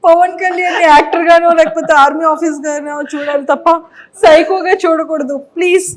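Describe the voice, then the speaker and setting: A woman's voice: very high voice, fairly even intonation, brisk. A young woman hosting an interview, asking questions in a playful, teasing way. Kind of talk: casual interview chat.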